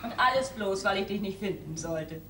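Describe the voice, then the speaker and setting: A woman's voice: medium pitch, expressive, moderate pace, sharp tone. A weepy, dramatic jilted girlfriend. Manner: theatrical, weepy, pleading. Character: clingy, dramatic young woman. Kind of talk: stage comedy acting. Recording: echoey stage from far off, noisy hall.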